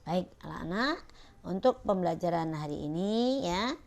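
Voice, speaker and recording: A woman's voice: fairly low pitch, animated, moderate pace, a little mellow. A woman teacher explaining a lesson to children, with many "ya" and "nah" checks. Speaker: primary school teacher. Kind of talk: recorded class lesson.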